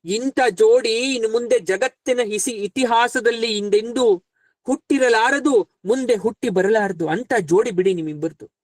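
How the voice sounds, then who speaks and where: A man voicing the sage Vyasa, an elderly figure who admonishes gravely in a fatherly way. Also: high voice, unhurried, dry recording. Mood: admonishing.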